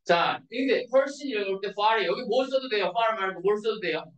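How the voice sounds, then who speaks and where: A woman teaches grammar to a room of students, peppering every point with quick questions to check they follow. Her voice sits at an ordinary pitch. It reaches the mic from a distance, with the hollow echo of a bare classroom around it. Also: expressive. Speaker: English teacher. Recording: echoey classroom from far off.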